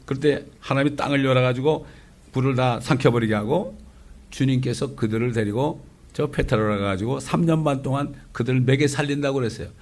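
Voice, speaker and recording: A middle-aged man preaching a conversational sermon as a pastor, lively and full of rhetorical questions. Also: medium pitch, brisk. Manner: lively, asks rhetorical questions, acts out quotes.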